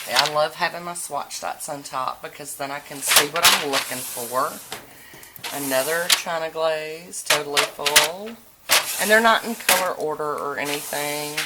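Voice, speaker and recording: A woman with a low voice narrates a casual home tour. She talks informally, like a hobby vlogger chatting to viewers. The recording is very noisy, with clicks behind her. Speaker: vlogger showing a nail polish collection. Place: indoors at home, handheld camera, drawers handled.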